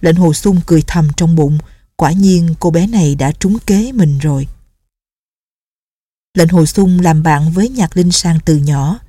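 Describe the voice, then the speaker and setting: A woman narrating a martial arts novel in a steady, measured storytelling manner. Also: on the low side, dry recording. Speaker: audiobook narrator. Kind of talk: scripted narration.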